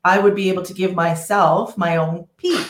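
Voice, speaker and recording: A woman in a casual podcast conversation, telling a personal story in a lively, animated way. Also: lowish voice, normal speed. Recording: roomy echo.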